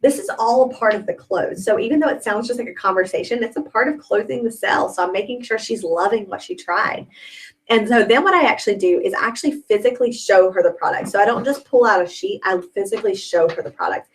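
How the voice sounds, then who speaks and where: A woman's voice: mid-range voice, quick pace, rough recording. A young woman coaching a sales team in a chatty, upbeat way, often checking in with "okay?". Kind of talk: sales training talk.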